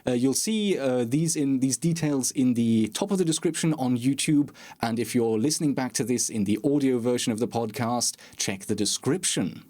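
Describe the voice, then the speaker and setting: A man's voice: mid-range voice, normal speed, few pauses, dark tone. A man hosting a casual gaming podcast, chatty and self-deprecating, with sarcastic asides. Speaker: podcast host.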